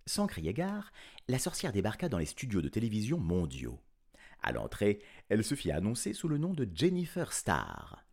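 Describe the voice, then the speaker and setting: A man reads a children's story aloud with playful, chuckling energy. His voice is very deep and gravelly. The pitch rises and falls in lively swings. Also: normal speed.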